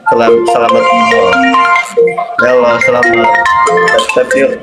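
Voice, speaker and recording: A man's voice: mid-range voice, monotone, slow pace, over loud music. A man in his late twenties hosting a casual phone livestream from a small room, greeting viewers by name and urging them to tap. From Bandung, Indonesia. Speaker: livestream host. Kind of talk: casual live-stream chat. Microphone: phone camera close up.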